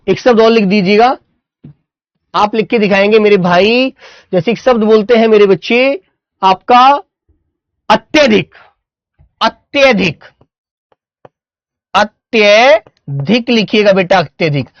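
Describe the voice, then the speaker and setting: A male Hindi teacher giving an online class, slowly dictating words and calling his students "beta" and "my dear children.". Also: high voice, dry recording, highs cut off.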